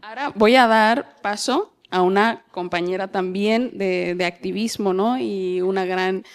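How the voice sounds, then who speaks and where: Conversational woman moderating a panel, medium pitch. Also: measured pace, clean tone. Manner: conversational, often adding tag questions. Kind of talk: semi-formal panel moderation.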